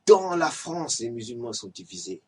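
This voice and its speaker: Very husky man preaching from afar. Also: medium pitch, sing-song, moderate pace, warm tone, recorded from a distance. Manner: earnest, exhorting, repetitive. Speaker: lay preacher. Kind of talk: religious reminder talk.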